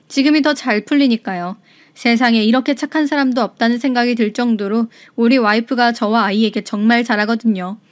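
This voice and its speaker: Woman reading a story aloud. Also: on the high side. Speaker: story reader. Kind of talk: scripted narration of a reader's story.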